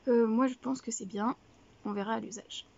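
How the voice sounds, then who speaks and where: A woman's voice: on the high side, steady tone, normal speed, creaky, darkish tone, muffled recording. A young woman hosting a knitting video podcast, chatting casually and rambling with many fillers and self-corrections. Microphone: camera, showing items to viewers.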